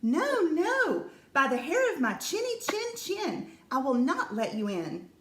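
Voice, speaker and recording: A woman voicing a small, polite young pig in a storybook reading, with a high, sweet voice. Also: wildly swooping pitch, takes it slowly, echoey room, heavily acted. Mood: stubborn.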